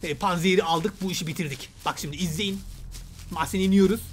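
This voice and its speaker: A man's voice: high-pitched, fast talker, noisy background. A man giving exasperated gameplay commentary, talking to himself and his viewers as a gaming YouTuber.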